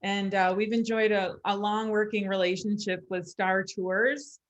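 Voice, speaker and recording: A woman speaks as a guest on a video call, pitching a trip with eager enthusiasm. She talks in a steady, confident selling tone. Her voice sits at an ordinary pitch for a woman. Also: measured pace, a little hiss or hum. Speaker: guest tour operator. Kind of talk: promotional presentation.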